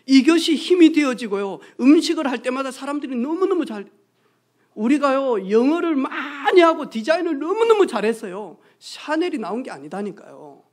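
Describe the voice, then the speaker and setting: A pastor preaching a sermon, telling stories with acted-out quotes and hushed asides. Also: high-pitched, big pitch swings, moderate pace. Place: church sanctuary.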